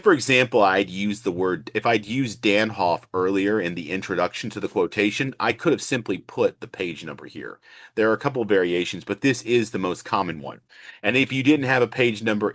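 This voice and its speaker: A man's voice: sits low, a bit bright, no echo, clean studio sound. A male instructor giving an explanatory walkthrough lesson, restating and stressing key points. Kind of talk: instructional screen walkthrough lecture.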